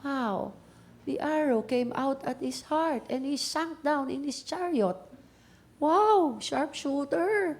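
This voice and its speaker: A woman's voice: high voice, slow pace. Filipino woman pastor preaching. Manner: animated storytelling, mixes Tagalog and English, acts out voices in quotes. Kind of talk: sermon.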